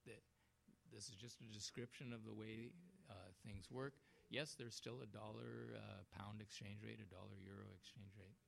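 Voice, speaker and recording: A man's voice: fairly low pitch, fairly even intonation, moderate pace, gravelly, a bit bright, slight background noise. A man teaching an economics lecture, explaining step by step with frequent fillers and checks of "okay?". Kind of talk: lecture with questions from students.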